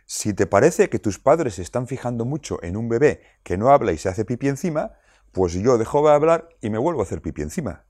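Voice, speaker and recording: A man explaining child rearing to parents in a lively way, asking rhetorical questions and acting out quotes. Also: medium pitch, fairly quick, no room sound, clean studio sound.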